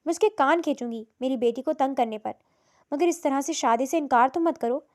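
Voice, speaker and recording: A woman's voice: high-pitched, lightly acted. A woman voicing a worried middle-aged mother who pleads and then scolds sharply. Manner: anxious pleading, sharp scolding when angry.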